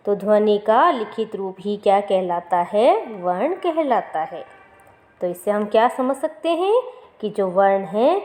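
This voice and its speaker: A woman teacher gives a recorded grammar lesson to young pupils, asking questions and then answering them herself and repeating each word slowly. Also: a little high, a little mellow. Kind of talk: recorded Hindi grammar lesson for fourth graders.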